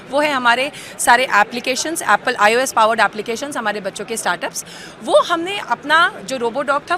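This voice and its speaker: A woman representing a university, giving a measured, explanatory statement to the press at an event. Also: high-pitched, sharp tone. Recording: noisy crowd around.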